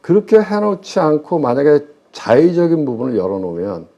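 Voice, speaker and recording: A middle-aged former pension fund CIO, invited as an expert guest, discusses public finance in a conversational interview. His fairly high, warm voice is very animated and brisk. He speaks emphatically, often posing a question and then answering it, with slightly muffled audio.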